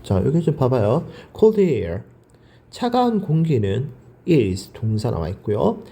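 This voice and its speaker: Guy teaching a grammar class, warm mellow voice, pitch swings up and down a lot, drills the words over and over. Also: big pitch swings, slow pace, vocal fry. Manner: asks questions and answers them himself; drills words by repeating them. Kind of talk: grammar lecture.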